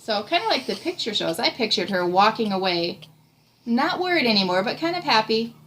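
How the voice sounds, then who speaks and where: Here a thirty-something woman reads a picture book aloud to a child, cheering them on and chatting through explanations and questions. Her voice is fairly high, a bit bright and sing-song, and she talks fairly quickly. It's a noisy home recording in a small room, with room ambience.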